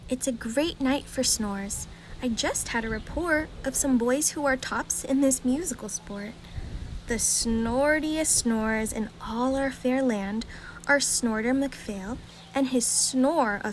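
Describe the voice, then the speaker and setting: A woman reads a rhyming children's bedtime story aloud in a calm, gentle, expressive storytelling way. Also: high-pitched, slight background noise, poor audio.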